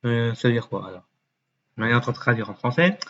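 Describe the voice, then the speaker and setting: A man thinking aloud as he clicks through a website, muttering and swearing under his breath, with many fillers and sudden jumps into a mock high voice. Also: expressive, brisk, fairly bright tone. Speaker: YouTuber. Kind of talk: casual screen-recording commentary. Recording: dull lo-fi mic with faint noise.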